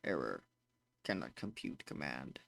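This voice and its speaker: A man voicing a gravelly glitching robot. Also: extremely low pitch, sing-song, fairly bright tone, no room sound, voice pushed down, exaggerated voice. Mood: glitching monotone. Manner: halting, stuttering, clipped machine phrasing. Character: glitching damaged robot, stuttering and repeating errors. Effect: glitching robot voice, words breaking and repeating.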